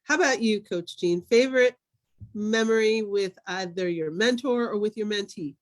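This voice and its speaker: A woman's voice: mid-range voice, moderate pace. A woman moderating a virtual panel over a video call, encouraging and asking follow-up questions.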